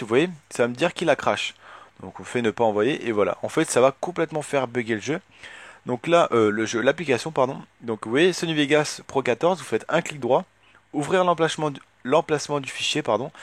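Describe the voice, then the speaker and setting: A man of middle pitch guides viewers through a computer tutorial in a loose, halting way, often pausing on filler words. His voice sits close and dry on a desktop microphone with no room sound. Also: no echo. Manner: hesitant, many filler words, thinks aloud. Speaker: tutorial youtuber. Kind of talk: casual screen-recorded software tutorial.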